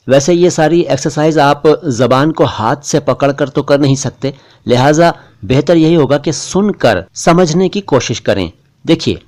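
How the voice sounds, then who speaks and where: A man teaching pronunciation, saying words one at a time with slow, careful enunciation. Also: fairly high pitch, a little mellow. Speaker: language teacher. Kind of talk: pronunciation lesson.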